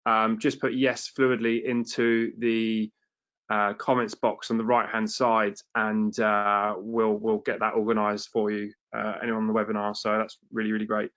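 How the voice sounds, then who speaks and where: Brisk male webinar host. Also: fairly low pitch, completely flat delivery, a bit bright, muffled recording. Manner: friendly, brisk, reads out questions. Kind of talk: hosting a webinar Q&A.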